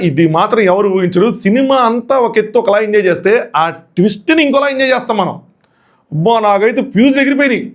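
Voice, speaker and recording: A man whose voice is hoarse from shouting rambles through a casual, excited movie review, going back over the same points. His voice sits high.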